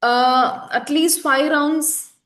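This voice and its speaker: A woman's voice: sits high, steady tone, extremely slow, fairly bright tone. A woman, earnestly explaining an emotional healing technique and repeating words for emphasis. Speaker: EFT practitioner guest. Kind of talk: conversational explanation.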